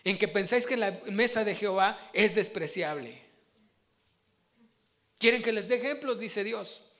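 High-voiced animated male preacher. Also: a little slow. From Mexico. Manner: animated, asks the congregation questions. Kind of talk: sermon.

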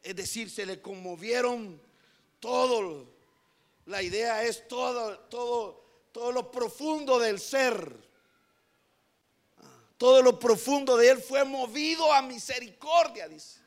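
A man preaching a sermon, moving between hushed passages and emphatic repetition, often addressing his listeners as brothers. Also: very high-pitched, slow pace. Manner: animated, swings from hushed to emphatic, repeats "hermanos".

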